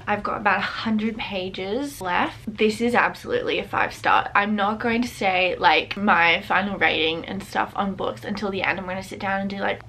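A woman's voice: medium pitch, fairly bright tone, slight background noise. Chatty young woman vlogging. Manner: chatty and gushing, many "like" fillers. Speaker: book vlogger. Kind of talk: casual reading vlog chat.

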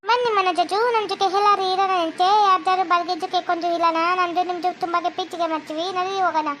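A woman's voice: very high voice, steady tone, a bit bright, slight background noise. A woman playing a defiant foreign girl in a cartoon. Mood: coaxing. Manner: broken, halting Kannada. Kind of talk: cartoon comedy voice acting.

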